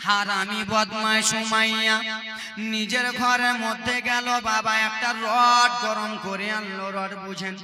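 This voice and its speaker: A man's voice: high-pitched, flat delivery, measured pace, bright, forceful tone, roomy sound, soft background music. A man preacher giving a sing-song sermon, calling his listeners "baba" and "dadu" and chanting passages.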